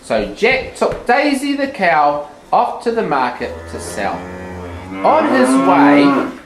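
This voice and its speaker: Loud music plays as a teacher, narrating a puppet show in a school classroom, tells young children a fairy tale in a simple, deliberate way, turning now and then to speak to them directly. Her medium-pitched voice swoops wildly. Echo and background noise fill the recording.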